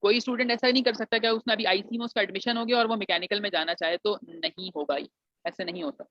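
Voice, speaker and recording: A little hiss or hum sits under a dull, dry lo-fi recording of a Pakistani man with a high, steady voice speaking at a quick pace. Giving students an explanatory lesson on engineering admissions, he mixes English into his Urdu and calls them "beta."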